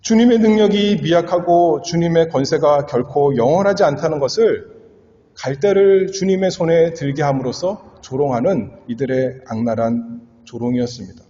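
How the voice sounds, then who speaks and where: A man's voice: on the high side, moderate pace, warm tone. Earnest male pastor preaching in a hall. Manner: earnest, dramatic swells and drops. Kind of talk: expository sermon. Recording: echoey hall, dull lo-fi sound.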